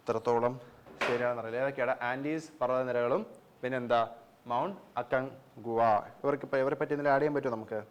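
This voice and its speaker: A man's voice: mid-range voice, steady tone, racing, dull audio, slight background noise. Chatty Malayali male geography tutor. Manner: chatty, asks questions and answers them himself, mixes in English phrases. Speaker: exam coaching teacher. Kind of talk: online geography class lecture.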